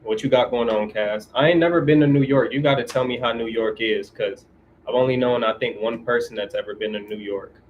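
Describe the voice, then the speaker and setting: A man's voice: medium pitch, fairly quick, phone-quality sound, a little hiss or hum. A man from California in casual livestream chat, laid-back and slangy, reading viewer comments aloud and answering them. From California, USA.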